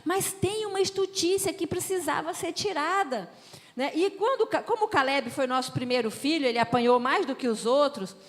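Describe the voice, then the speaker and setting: High-voiced woman preaching in a hall. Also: a little fast. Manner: lively storyteller, emphatic. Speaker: speaker at a family conference. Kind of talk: preaching talk with personal stories. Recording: long hall reverb.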